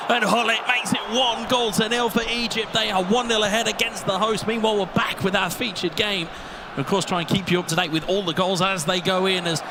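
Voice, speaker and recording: A man giving live play-by-play commentary on an esports football match, rising to shouts when goals go in. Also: high voice, noisy background.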